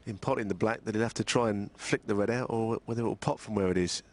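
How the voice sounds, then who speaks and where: A man giving hushed, measured and analytical snooker commentary as co-commentator. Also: fairly low pitch. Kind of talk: hushed live sports commentary.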